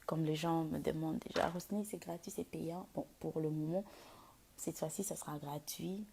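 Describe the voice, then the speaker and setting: A woman in giving an informal devotional exhortation as a worship leader, speaking haltingly and slipping into English at times, with a husky, breathy voice. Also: low-pitched, steady tone, dark tone, a little hiss or hum. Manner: hesitant French, slipping into English mid-talk. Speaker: worship leader inviting people to a praise event.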